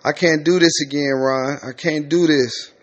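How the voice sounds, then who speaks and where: A man's voice: fairly high pitch, steady tone, moderate pace, lightly acted. A man voicing a worried, angry wife and mother confronting her husband. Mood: upset.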